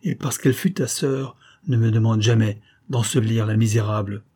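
Man reading as a fierce old priest, grave and somber, mellow husky voice, audiobook. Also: lowish voice, fairly even intonation, moderate pace. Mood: grim.

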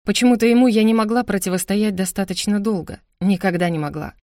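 A woman's voice: mid-range voice, fairly even intonation, fast talker, warm tone, dry recording, studio quality. Woman narrating a romance novel. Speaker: audiobook narrator. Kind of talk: first-person novel narration.

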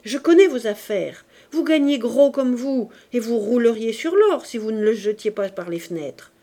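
A woman reading the part of an honest, easily upset middle-aged bourgeois father who reproaches his relatives loudly. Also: extremely high pitch, lively intonation, moderate pace, pitched above the performer's own voice. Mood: reproachful.

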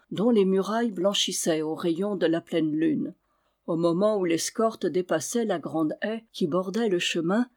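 A narrator reading a historical novel aloud in a measured storytelling manner. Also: medium pitch, a little mellow. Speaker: audiobook narrator. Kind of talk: literary audiobook narration.

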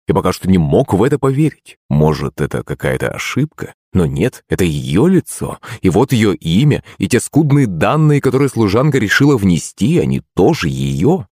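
Lively low-voiced male audiobook narrator. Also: normal speed, dry recording, clean studio sound. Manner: wry, lively storytelling. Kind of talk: first-person audiobook narration.

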